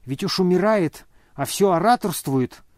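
A man's voice: on the high side, animated, normal speed, dark tone, dry recording, studio quality. A man voicing an indignant older noblewoman who scolds and exclaims. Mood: alarmed.

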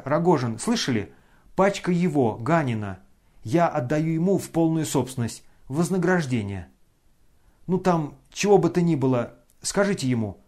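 A man voicing an imperious mocking young woman. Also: fairly high pitch. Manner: commanding, taunting shouts.

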